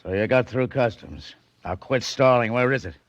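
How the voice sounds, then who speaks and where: An American man playing a gruff, sardonic police detective in a 1940s radio drama, talking in curt sarcastic lines. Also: mid-range voice, lively intonation, normal speed, no room sound, highs cut off, natural voice. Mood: hard, demanding. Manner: curt, sarcastic, clipped tough-cop talk.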